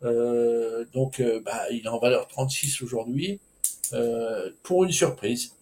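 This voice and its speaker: A man's voice: mid-range voice, takes it slowly, darkish tone. A man giving a solo horse racing preview, talking in a hesitant, chatty way with frequent filler sounds and restarts. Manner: informal, chatty asides.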